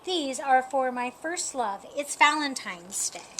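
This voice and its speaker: A woman reads as an eager, devoted storybook goat in love. The voice is high and bright, cheerful and emphatic, unhurried, with birdsong behind it. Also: expressive, slight background noise, full character voice. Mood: firm.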